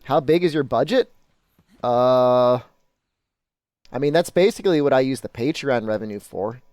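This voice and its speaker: This mid-range male voice is a little mellow, moves at an ordinary speed, and has no echo. The speaker, who is Mexican or of Mexican descent, streams games live and fields chat questions in an easygoing, informal manner.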